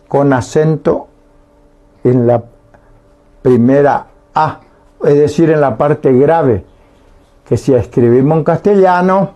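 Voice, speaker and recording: A man's voice: a little high, warm tone, muffled recording. A man teaching a Guarani language lesson on the radio, patiently explaining and often checking that listeners understand. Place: radio studio.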